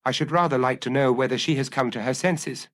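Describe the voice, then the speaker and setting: A man voicing a shrewd priest detective who speaks quietly and reflectively. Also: medium pitch, brisk, voice pushed up, close to an everyday voice.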